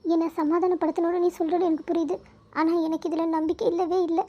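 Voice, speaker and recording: Woman as a hurt bitter young widow, high mellow voice, dull lo-fi sound. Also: level tone, fast. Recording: dull lo-fi recording.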